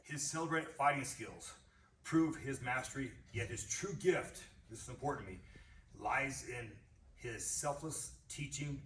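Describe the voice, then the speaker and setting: Guy reading a belt certificate out loud, echoey gym, sounds a bit far from the mic. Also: mid-range voice, slight background noise. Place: martial arts gym, indoors.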